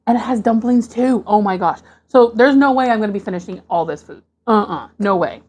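Breathy, excitable woman hosting a mukbang. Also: mid-range voice, brisk. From Canada. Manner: chatty and excitable, gasping over food. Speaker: mukbang host. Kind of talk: casual mukbang chat.

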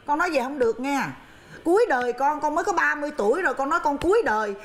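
A woman in her sixties playing a fussy, excitable mother in a family sitcom. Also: high voice, slight background noise. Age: 60s. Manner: fussy, excitable, quick to scold. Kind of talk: sitcom acting.

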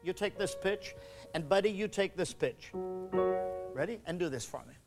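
Man, choral conductor, high voice, brisk coaching commands, instructional workshop. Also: expressive, music in the background. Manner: coaching singers with quick commands and questions.

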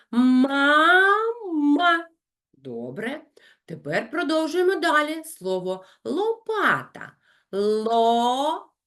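A woman running a consultation for parents, speaking slowly and clearly and acting out lively sing-song examples. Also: fairly high pitch. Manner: addresses parents directly, gentle and instructive. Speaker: speech therapist consulting parents.

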